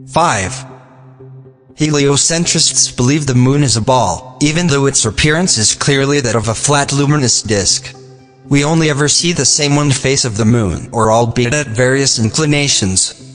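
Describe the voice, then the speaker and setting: A synthetic male text-to-speech voice like an old speech synthesizer, reading a scripted narration in a flat, mechanical manner. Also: mid-range voice. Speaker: video narrator. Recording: long reverb, music behind. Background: music.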